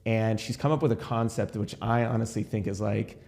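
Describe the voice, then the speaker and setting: A rabbi who hosts a podcast chats enthusiastically in a recording studio, giving rambling introductions during a casual interview. His voice is lowish, steady, brisk, creaky and a little mellow. There's slight background noise.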